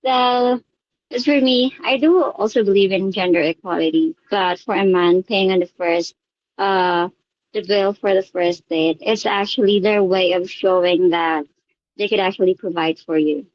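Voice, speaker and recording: A woman's voice: medium pitch, fairly even intonation, normal speed, no room sound, highs cut off. A woman from the Philippines answering interview questions, hesitant and thinking aloud with fillers.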